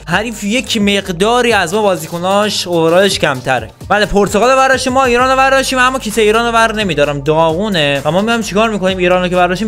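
A man hosting a gaming channel, commentating his own online football match like a sportscaster and trash-talking his opponent. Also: high voice. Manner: excitable, trash-talks the opponent; calls the play like a sportscaster.

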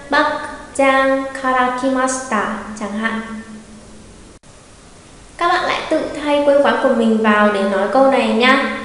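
A woman teaching an online language lesson, patiently repeating example phrases slowly. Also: sits high, fairly bright tone, slight background noise. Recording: very echoey room with long reverb.

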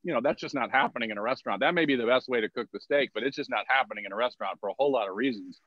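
A man with a medium-pitched, racing voice talks as a guest in a casual conversation, easygoing and hedging with "you know" and "I mean." The recording has no echo and its highs are cut off.

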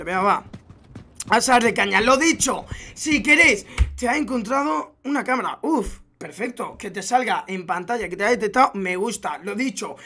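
A young man with a Spain Spanish accent doing excited gameplay commentary as a gaming YouTuber, bursting into loud exclamations and swearing. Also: very high-pitched.

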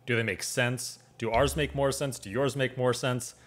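A man's voice: mid-range voice, fairly even intonation, normal speed, fairly bright tone. A man in his thirties with a standard American accent, giving casual, rambling and curious reaction commentary as a video host. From United States, West Coast. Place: small indoor room at home.

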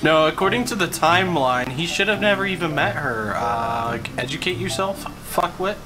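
A man's voice: a little high, lively intonation, normal speed. A young man joking and teasing friends while playing an online game, swearing freely. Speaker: gamer. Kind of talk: casual gaming banter. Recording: music playing behind.

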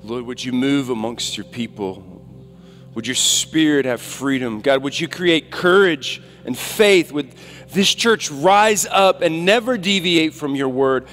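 A man in his thirties preaching a sermon on a large church stage, with a long hall reverb trailing his words. He moves from hushed, reflective asides to loud, urgent calls, spoken into a headset mic. His pitch sits in an everyday middle range. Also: a little slow, faint music behind. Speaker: guest preacher.

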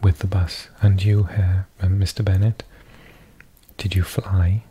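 Male ASMR whisperer: mellow, slow, soft reading delivery, close-miked. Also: low voice, level tone, slightly rough. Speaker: ASMR video host.

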